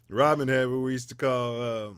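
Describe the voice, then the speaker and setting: A man's voice: medium pitch, steady tone, measured pace, fairly bright tone, smooth, no room sound, clean studio sound. Laid-back middle-aged man telling stories. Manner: loose storytelling, laughs easily, slangy. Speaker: co-host. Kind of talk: casual sports talk.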